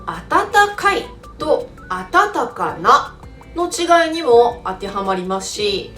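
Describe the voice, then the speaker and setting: A woman's voice: a little high, big pitch swings, slow, a bit bright. A woman teaching a Japanese lesson, explaining patiently and asking the viewers questions. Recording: roomy echo with faint background music.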